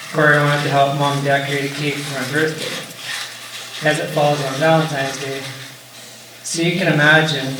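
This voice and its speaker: A young man from Canada giving a wedding toast as best man, telling light anecdotes. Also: on the high side. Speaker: best man, groom's older brother. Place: large echoey indoor reception room, mic far away. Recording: very echoey, distant, noisy event hall.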